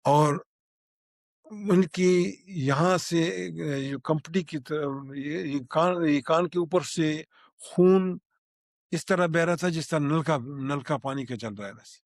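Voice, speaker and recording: An older man tells what he saw in a halting spoken recollection, full of restarts and pauses. His voice sits fairly high for a man. The recording is close and dry, with no room sound. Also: no room sound. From Pakistan. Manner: halting, with many restarts and fillers. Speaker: eyewitness.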